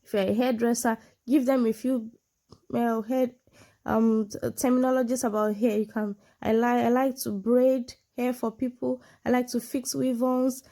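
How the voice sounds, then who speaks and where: A Nigerian woman who tutors online for English exams talks informally to camera, explaining through examples. English is her second language, with a Nigerian language as her first, and she has a Nigerian accent. Her sonorous voice is a little high, warm and level, at normal speed, and she often checks in with tags like "yeah" and "you know".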